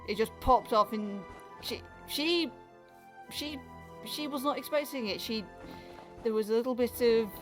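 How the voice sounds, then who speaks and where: High-voiced British woman, rambling and stammering. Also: unhurried, long pauses. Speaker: gaming streamer. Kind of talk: casual chat while gaming. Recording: music behind the voice.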